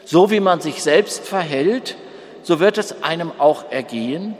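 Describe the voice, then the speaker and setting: Eager questioning scribe in a storybook reading, a man voicing him; lifted, slow, reverberant. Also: on the high side, animated, pitched above the performer's own voice. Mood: inquiring. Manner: questioning, careful.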